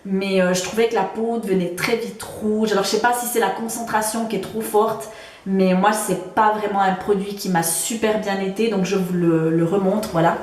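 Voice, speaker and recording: With a medium-pitched, darkish voice, a Swiss French-accented beauty vlogger talks casually about products she has emptied, her speech full of fillers and restarts. There's a roomy echo on the recording.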